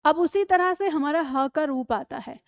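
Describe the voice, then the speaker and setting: A woman's voice: sits high, a little slow, gravelly, dry recording, highs cut off. A woman teacher giving an online Hindi grammar lesson, explaining step by step and often checking that students follow.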